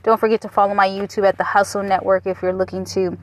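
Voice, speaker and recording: A woman's voice: mid-range voice, flat delivery, fast, a little hiss or hum. A woman in her late twenties from Michigan, talking candidly and a bit rambling on her own podcast, with casual swearing. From Michigan, USA. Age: late 20s. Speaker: podcast host. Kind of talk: casual personal podcast monologue. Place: waiting at a taco shop.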